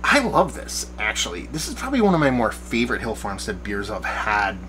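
A man's voice: on the low side, wildly swooping pitch, a little fast, sharp tone, a little hiss or hum, rough recording. A bearded man in his forties giving a casual, rambling beer review to camera from a small shed studio, often searching for words. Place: backyard shed studio at night, small room.

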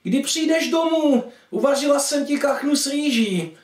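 A man voicing a warm, doting middle-aged mother who fusses over her son on the phone. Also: very high voice, expressive, pitched above the performer's own voice. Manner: fussing, affectionate. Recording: echoey room, distant mic.

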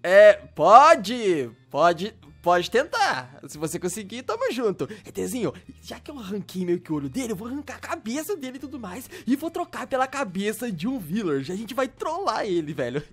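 Male gaming YouTuber, lively pitch, mischievous, joking. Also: normal speed, few pauses, soft background music. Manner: joking, mischievous, playing a doctor. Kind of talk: playful gaming commentary with role-play.

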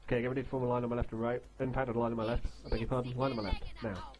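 Fast bossy man giving game orders. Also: medium pitch, flat delivery. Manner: bossy, swears, quick commands. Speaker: squad leader in a game. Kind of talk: barking orders over voice chat.

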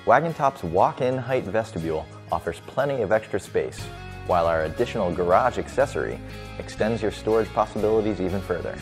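A man with a fairly low voice reads product copy in a smooth, polished advertising style. Light background music plays under his voice-over. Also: animated, a little fast. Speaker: product narrator. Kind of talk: scripted promotional voice-over.

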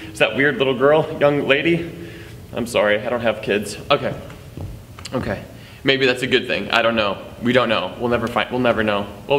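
A young man teaching juggling in a playful, joking way, talking straight to the viewer as he demonstrates. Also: a little high. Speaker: juggling instructor. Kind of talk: instructional video. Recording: echoey room with long reverb, faint noise.

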